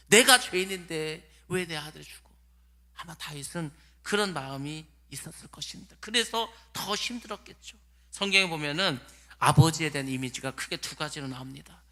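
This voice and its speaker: Male pastor, sermon delivery, high bright voice, dramatic shifts from loud to hushed. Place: church sanctuary.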